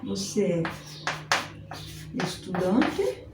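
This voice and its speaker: A woman from Brazil teaching an informal English lesson. She explains slowly, repeats herself and often adds little checks like "right?" and "look". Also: medium pitch, sing-song. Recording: echoey room with faint noise.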